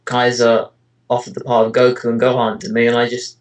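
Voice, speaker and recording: The delivery is completely flat and a little fast, in a mid-range male voice with lo-fi sound. He is an amateur voice actor and web parody creator responding to interview questions casually, rambling with hesitation and frequent "you know" and "kind of."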